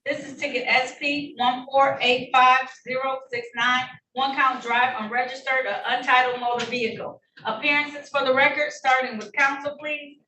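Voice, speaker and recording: A woman judge runs traffic court hearings, formal yet friendly while reading out charges and rulings. Her voice sits high with a steady, sharp tone, moving at a moderate pace with hardly any pauses. It is a roomy, distant courtroom recording with faint noise.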